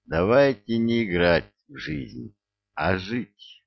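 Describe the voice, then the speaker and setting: A man reading the part of a composed mature detective who speaks calmly and firmly. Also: mid-range voice, slow pace, gravelly, no echo, highs cut off, pitched above the performer's own voice, exaggerated voice. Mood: firm reassuring. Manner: calm, firm, reassuring.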